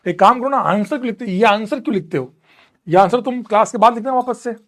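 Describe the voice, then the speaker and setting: Teaching live online from home, this young man has a high, somewhat bright voice and talks fast. His answers to students are full of chatty, teasing banter.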